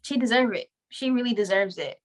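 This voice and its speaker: In a fairly high voice and at a fairly quick clip, a young adult Trinidadian-background woman, the show's creator, chats as an interview guest. Her talk is casual and slangy, peppered with "like" and laughter.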